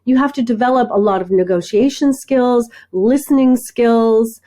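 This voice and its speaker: A middle-aged woman talking as a podcast guest, telling animated stories, acting out bits of dialogue and often checking in with "right?". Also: on the high side, normal speed. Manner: animated storyteller, acts out dialogue, frequent "right?". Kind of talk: conversational interview.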